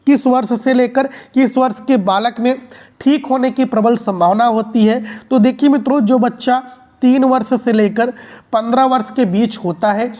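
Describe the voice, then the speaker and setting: A woman's voice: on the high side, warm tone. A woman giving an explanatory video lecture for exam preparation, repeating key points and calling her viewers friends. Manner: repetitive, drilling explanations with frequent "friends" address. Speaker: exam-prep teacher.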